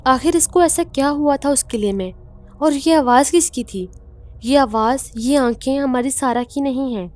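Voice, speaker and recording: A woman's voice: high voice, a little mellow, lightly acted. A woman voicing a bewildered young man questioning what happened to his friend in a horror story.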